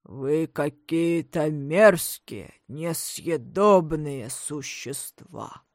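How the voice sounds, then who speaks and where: A woman voicing a big, hungry, grumbling male bear in a storybook, speaking slowly and low in a growl. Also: animated, no echo, studio quality, exaggerated voice. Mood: gruff. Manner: slow, low growling delivery.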